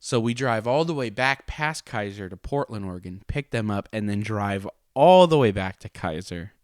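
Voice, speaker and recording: A man's voice: lowish voice, lively intonation, moderate pace, a little mellow, clean tone, dry recording, studio quality. A man telling a personal story in a casual, comedic podcast style, profane and exaggerating. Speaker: podcast host and pro wrestler.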